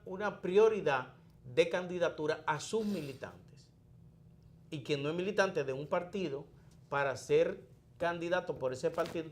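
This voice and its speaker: A man from the Dominican Republic, speaking with a Dominican Spanish accent in a mid-range voice, offers morning political commentary. He is deliberate and explanatory, with restarts and fillers.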